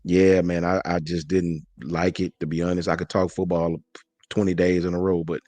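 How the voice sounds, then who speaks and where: A man's voice: low voice, flat delivery, normal speed, a little mellow, no room sound. A man talking casually as a guest on a sports live stream, rambling and repeating his words, with slangy talk. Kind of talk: casual chat.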